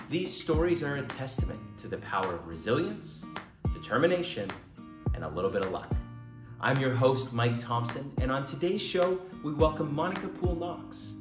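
Man, 30s, interview host, animated, echoey room, guitar music. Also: medium pitch. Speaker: podcast host. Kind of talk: scripted intro, then interviewing. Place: bare concrete-walled room for intro. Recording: roomy echo with guitar music.

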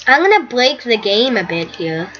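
A woman's voice: fairly high pitch, big pitch swings, moderate pace, fairly bright tone, dull audio, a little hiss or hum. A young woman talking casually over her own gameplay as a YouTuber, rambling and easily startled. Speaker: gaming YouTuber.

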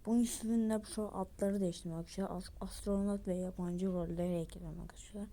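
A woman's voice: medium pitch, fairly even intonation, quick pace, mellow. A woman hosting a gaming channel, chatting to viewers and voicing characters in the game. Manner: chatty, addresses viewers often. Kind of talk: game commentary with voiced characters.

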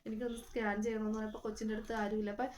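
A woman's voice: medium pitch, monotone, rapid-fire, a little mellow, slight background noise. A young woman, earnestly retelling a hard family hospital stay in a casual vlog, with many fillers. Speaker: vlogger. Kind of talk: casual personal storytelling.

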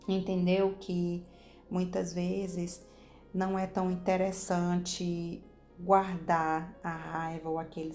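A woman hosting a parenting audio show, talking to parents slowly and thoughtfully, with pauses and restarts. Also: lowish voice, dark tone. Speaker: parenting podcast host. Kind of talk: unscripted talk to parents. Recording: roomy sound with faint background music.

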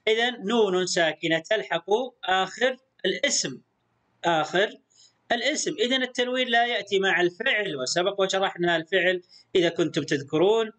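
A male primary school teacher giving a recorded lesson, patient, repeating sounds slowly and praising the pupils often. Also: sits high, fairly bright tone.

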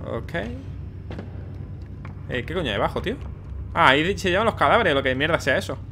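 A young man giving excitable, swearing let's play commentary, yelping at scares. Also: a little high, a little fast, noisy background. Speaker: gaming YouTuber. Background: game music.

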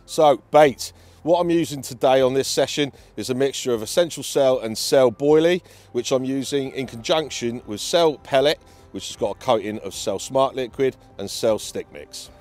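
Standing on a lake bank, a British man with a British accent talks viewers through a fishing feature as an angler, giving instructions to camera. He has a medium-pitched, darkish voice at a normal speed, with faint music in the background.

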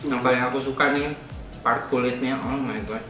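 A man's voice: medium pitch, fairly even intonation, normal speed, sharp tone, recorded from a distance. Young male, casual mukbang chatter with mouth full, roomy off-mic sound, faint music. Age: young adult. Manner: talking with mouth full while eating. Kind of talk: casual food challenge chat while eating. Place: indoor room at home, at a table.

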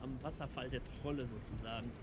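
A man in his thirties filming himself at arm's length, chatting in a relaxed way with dry humor as he travels outdoors and by car. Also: mid-range voice, fast talker. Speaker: travel vlogger. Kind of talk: casual travel vlog. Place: outdoors on a coast and mountain viewpoint, later in a car. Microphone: camera held at arm's length. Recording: music laid under the voice. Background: background music.

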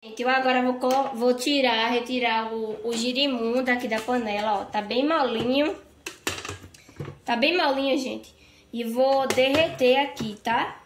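A slightly high-voiced woman, unhurried and fairly even in intonation, chats casually through a home recipe in her kitchen as a cooking vlogger. She keeps checking in with viewers, peppering her speech with "tá?" and "gente", over slight background noise.

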